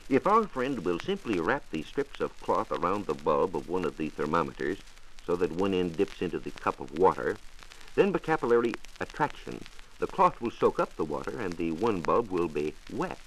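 A low-pitched, very animated American man, slightly bright and at normal speed, reads a formal, carefully worded science script as a 1940s radio reporter. The studio recording survives on a noisy vintage 1940s transcription disc.

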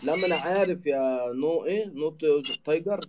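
A man's voice: a little high, a little fast, background noise. A man with an Egyptian accent and a cold, bantering on a live stream and urging viewers to tap and share. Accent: Egyptian Arabic. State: has a cold.

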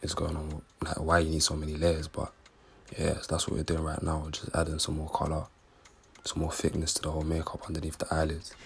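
Very deep, gravelly roadman. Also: completely flat delivery, a little fast, a little hiss or hum. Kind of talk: casual voice-over commentary.

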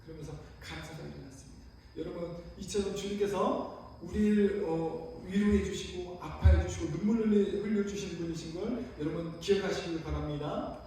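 A man's voice: high voice, normal speed, mellow, slight background noise. A young man preaching a sermon, telling a heartfelt personal testimony with frequent fillers. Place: church sanctuary. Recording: echoey hall, voice from far off.

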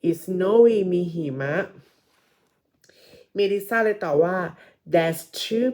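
Drawing out her words in a warm, medium-pitched voice, a woman teaches a slow classroom English lesson, explaining in Thai. She patiently repeats and translates each phrase, asking questions of the students she calls kids.

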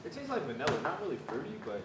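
A man's voice: wildly swooping pitch, very fast. Young American man chatting while chewing, distant echoey recording. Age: 20s. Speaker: food reviewer. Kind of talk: casual food review chat. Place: small bare room at a table, indoors. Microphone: camera several feet away. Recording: echoey room, distant mic, clear rumbling noise.

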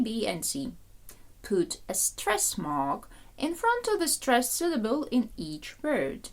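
A woman teaching English to medical students, explaining each term and where its stress falls. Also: mid-range voice. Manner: lively, sing-song intonation on the English terms. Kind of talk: recorded lecture.

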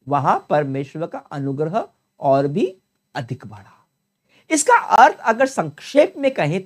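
Talking into a lapel mic in his study, a high-pitched older man teaches a Bible study while nursing a sore throat. His manner is sincere and instructive, and he keeps coming back to the same key terms.

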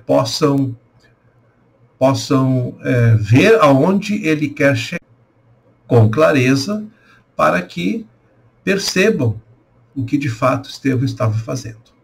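A Brazilian pastor in his sixties giving a calm, reflective home devotional with a prayer. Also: medium pitch, vocal fry, a little hiss or hum. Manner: calm, unhurried, reflective with pauses. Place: small room at home, indoors. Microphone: webcam at desk.

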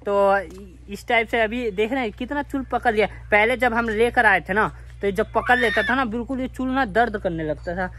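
A man's voice: high-pitched, normal speed, hardly any pauses, fairly bright tone. A man, chatting casually and directly to his viewers outdoors at home. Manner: plain, repetitive, addresses viewers directly. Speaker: vlogger with a pet monkey. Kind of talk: casual vlog chat to viewers.

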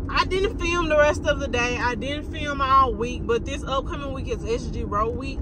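A woman in her twenties vlogging in a casual, chatty, excitable way with lots of fillers and slang. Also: on the high side. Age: 20s. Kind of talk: casual vlog chat. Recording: background noise.

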